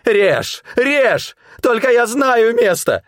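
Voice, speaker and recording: A man voicing a frantic, ragged young male scavenger who shrieks and pleads in a shrill, crazed way. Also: sing-song, measured pace, no room sound, clean studio sound. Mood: frantic shrieking.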